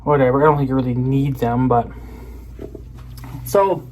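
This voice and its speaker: A man with a mid-range, slightly mellow voice talks at a normal speed, casually chatting to viewers while showing off an item. This video creator's unboxing chat rambles and often trails off mid-sentence. The recording is rough, with clear background noise.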